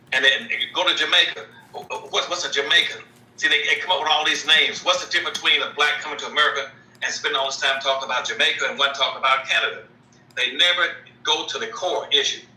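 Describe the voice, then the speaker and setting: A man's voice: fairly high pitch, far from the mic. A man speaking as a guest in an emphatic lecturing way, hammering home repeated phrases over a video call. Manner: forceful, repeats key phrases. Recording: roomy sound, away from the mic.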